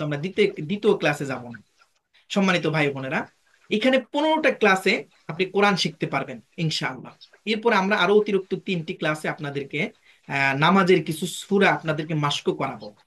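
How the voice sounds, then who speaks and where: A man with a Bangladeshi Bengali accent, a Quran teacher explaining a course in a demo class, slowly spelling out sounds. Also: sits high, fairly bright tone. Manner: patient, slow spelling-out of sounds.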